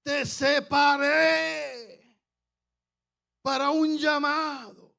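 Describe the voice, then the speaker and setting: A man acting out an elderly male pastor who proclaims a prophecy with thundering authority, slow and drawn out. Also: extremely high pitch, gravelly, bright, forceful tone, voice pushed up, exaggerated voice.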